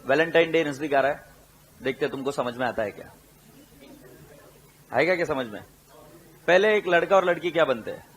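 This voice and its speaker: A man with an Indian English accent teaching accountancy, mixing Hindi and English, repeating key terms slowly for dictation and asking his students questions. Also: a little high, animated, fairly bright tone. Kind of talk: classroom lecture.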